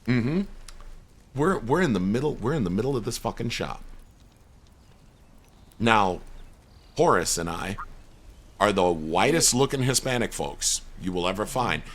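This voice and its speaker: Streamer, male, lower voice, swears freely, animated storyteller who acts out the people in his stories. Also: a little slow, long pauses. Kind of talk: casual storytelling on a gaming stream.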